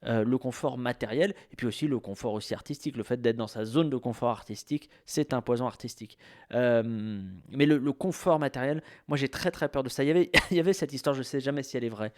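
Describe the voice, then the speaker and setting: A man's voice: mid-range voice, fast talker. A man from France hosting a podcast, talking in a rambling, self-mocking monologue full of restarts and exasperated asides. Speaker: podcast host. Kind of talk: casual monologue.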